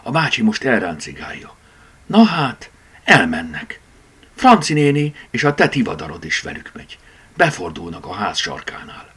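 A man's voice: lowish voice, very animated, a bit bright, slightly rough, pitched above the performer's own voice, heavily acted. A man voicing a curious, determined red tomcat in an audiobook, eager in manner.

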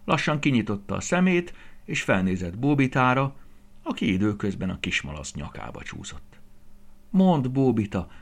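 Man storyteller, low voice with a lively, up-and-down delivery, reading a children's tale. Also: creaky. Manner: expressive, dropping to soft whispers.

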